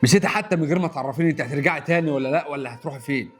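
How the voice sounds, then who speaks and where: An actor playing a defensive young husband in a comedy sketch, speaking bluntly and curtly with an Egyptian Arabic accent. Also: male voice, fairly high pitch, soft background music, close to an everyday voice. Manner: rapid, curt and defensive.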